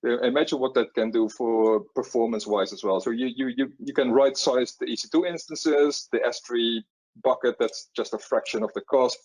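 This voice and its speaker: A man's voice: mid-range voice, normal speed, a little mellow, poor audio. A middle-aged man with a Dutch accent talking on a webinar panel, often repeating words and chuckling at himself. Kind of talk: conversational webinar panel talk.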